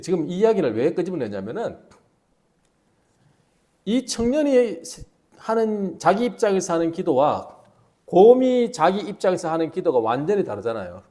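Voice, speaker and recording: Lively-pitched Korean pastor preaching. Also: male voice, normal speed. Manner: animated storytelling, acting out dialogue in quoted voices; rhetorical questions to the congregation. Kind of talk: expository sermon.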